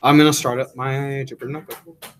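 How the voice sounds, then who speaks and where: A man's voice: medium pitch, little pitch movement, fast, fairly bright tone, slight background noise, rough recording. A young man teaching a coding class, talking casually with lots of fillers and repeated "yeah"s. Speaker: course instructor.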